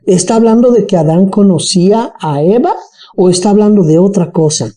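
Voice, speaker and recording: A Bible teacher speaks with a Bolivian highland accent in a very dark, mellow tone. The delivery is animated, with frequent check-ins with the listeners. This is a Bible study lesson. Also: normal speed. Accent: Bolivian highland (colla).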